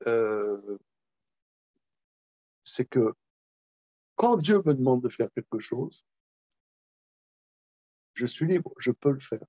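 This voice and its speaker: Rabbi teaching a class, chatty and animated, lots of restarts, kinda dull dry sound. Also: male voice, medium pitch, slow pace, long pauses, no room sound. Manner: animated, repetitive, with many restarts and role-played examples. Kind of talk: informal Torah lesson.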